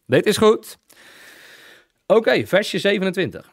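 A man's voice: high-pitched, big pitch swings, unhurried, dry recording, studio quality. A man teaching a Bible lesson as a sermon, repeating his phrases with emphasis and frequent hallelujahs. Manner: repetitive, emphatic preaching with hallelujahs. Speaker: preacher.

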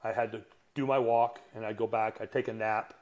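A man's voice: lowish voice, level tone, darkish tone. Blunt, profane man in his sixties. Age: 60s. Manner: blunt and profane, halting with fillers. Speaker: strength and conditioning coach, podcast guest. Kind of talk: casual storytelling.

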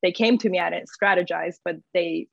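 A woman who founded a community speaks as an interview guest, answering in an informal, rambling, conversational way and often saying "like." Her voice sits on the low side with vocal fry and a brisk pace. The room is echoey and the audio slightly dull.

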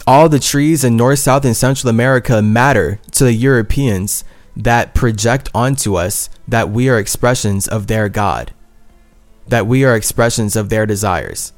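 A man's voice: mid-range voice, normal speed, soft background music. A man hosting a solo podcast monologue, talking in an earnest, intense way and repeating his phrases. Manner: earnest and intense, swings between heated and tender, repeats phrases. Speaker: podcast host.

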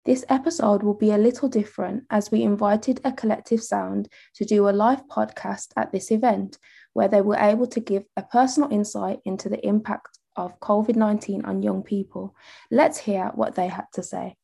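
A woman's voice: medium pitch, fairly even intonation, moderate pace, vocal fry, warm tone, slightly rough. A woman reading a scripted podcast introduction as a research study presenter.

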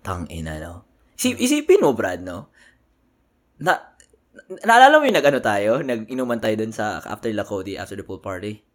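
A man's voice: lowish voice, very animated, moderate pace. A man co-hosting a casual podcast, chatting in slangy mixed Tagalog and English, swearing often and laughing easily. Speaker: podcast co-host. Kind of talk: casual chat.

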